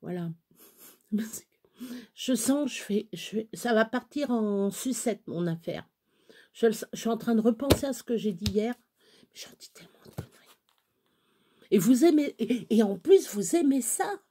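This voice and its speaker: A woman's voice: fairly high pitch, lively intonation, moderate pace, dark tone, slightly rough. A woman in her forties chatting to her viewers in a blunt, earthy way, swinging between laughter and tears. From France. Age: 40s. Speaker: crafting vlogger. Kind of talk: casual chat to camera.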